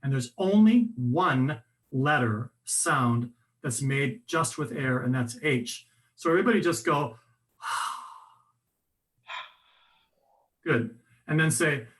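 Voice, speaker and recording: A man with a voice pitched a little high leads a workshop on how the voice works. He talks in a loose, conversational way, full of restarts and little asides, and explains things with energy. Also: a little slow. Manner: conversational, animated, with frequent restarts and fillers. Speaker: voice coach presenting a workshop. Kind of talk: instructive workshop talk.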